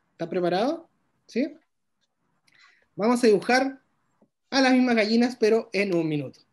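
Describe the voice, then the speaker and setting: A man's voice: sits high, warm tone. A man teaching an illustration workshop over a video call, praising students' drawings with lots of enthusiasm and frequent restarts.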